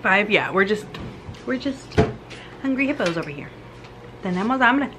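Very animated, with a sharp-toned mid-range voice at normal speed, a young woman films a giggly mukbang vlog during a family dinner. She slips back and forth between Spanish and English, and there's slight background noise.

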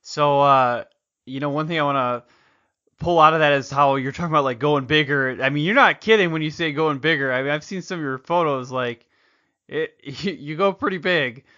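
A man hosts a podcast in a friendly, easygoing way, quick to laugh and full of fillers. His voice is bright, and the recording sounds a bit dull and lo-fi. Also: a little high. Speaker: podcast host. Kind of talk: casual podcast interview.

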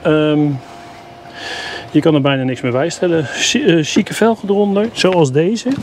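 Noisy camera audio records a man giving a casual vlog walkthrough of a motorhome at a product show. He reviews campers at a normal speed, his slightly high voice full of lively intonation, sounding enthusiastic and chatty with some mild grumbling.

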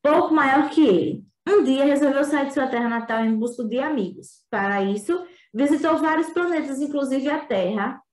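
Chatty high-voiced woman teacher. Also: moderate pace, a little mellow. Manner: chatty, frequent tag questions. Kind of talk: remote class lesson. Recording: echoey room.

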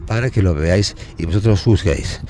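A man telling his side of a breakup into a phone camera, unscripted and halting, restarting words and growing more pleading. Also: low voice, animated, warm tone, slight background noise. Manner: aggrieved, rising and pleading as he goes. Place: outdoors, near a train line.

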